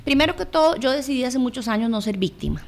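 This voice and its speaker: A woman's voice: high voice, expressive, quick pace, creaky. A woman being interviewed, speaking emphatically and repeating phrases for stress. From Costa Rica. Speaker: interview guest, former official. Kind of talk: emotional studio interview.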